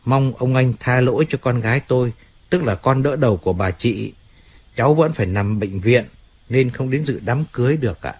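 A husky-voiced man reading the part of an aging undertaker who pleads plaintively and with self-pity in an audiobook. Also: medium pitch, normal speed, darkish tone. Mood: pleading. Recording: faint music in background.

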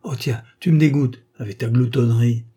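A man voicing a sharp-tongued, impatient bourgeois wife who scolds loudly in a raised, husky voice. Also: mid-range voice, fairly even intonation, fairly quick, natural voice. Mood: scolding. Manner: loud, scornful and exclaiming.

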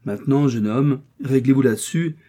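A man reading an audiobook voices an older musketeer captain, measured, commanding and warning. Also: medium pitch, dark tone, voice pushed up, natural voice. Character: older male musketeer captain, guarded and authoritative. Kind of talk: audiobook character voice.

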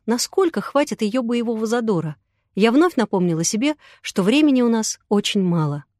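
A woman narrating an audiobook in the first person, reading in a lively, expressive way. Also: fairly high pitch, no room sound, studio quality.

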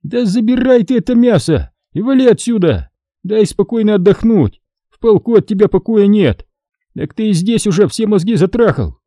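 A man doing a hot-headed shouting young soldier. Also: sits high, big pitch swings, moderate pace, no echo, studio quality, voice pushed up, exaggerated voice. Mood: angry. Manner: shouting, coarse insults. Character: hot-tempered young male soldier, loud and scolding.

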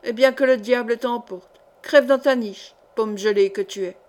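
A woman's voice: a little high, normal speed, a little mellow, natural voice. A woman voicing a tipsy young woman who teases in a mocking, playful and crude way in a storybook reading. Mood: teasing tipsy. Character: tipsy, teasing young woman, cheeky and giggly.

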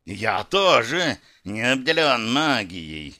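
A man voicing a brutal, bloodthirsty male demon gladiator in an audiobook, slow and growling. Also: mid-range voice, sing-song, pushed and bright, full character voice. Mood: grudging growl. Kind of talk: audiobook character voice.

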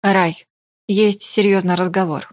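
Lady reading a shy young girl mage, hesitant, mid pitched, dry audiobook feel. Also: steady tone, a little slow, no echo, lightly acted. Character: young woman mage, unsure, curious student.

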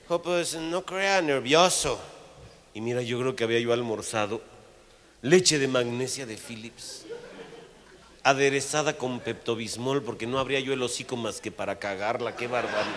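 A middle-aged man with a Mexican accent telling a crude comic story, profane and animated, acting out the voices and shouting at the punchlines. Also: mid-range voice. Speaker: storyteller comedian.

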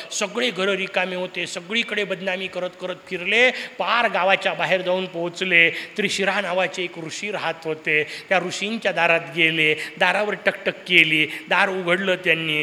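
A preacher in a discourse series tells a story to an audience in a devotional talk, mixing humor, rhetorical questions, and sudden emphatic bursts. He has a Marathi accent and a high, bright, pushed voice. The hall adds a long reverb, and there's slight background noise.

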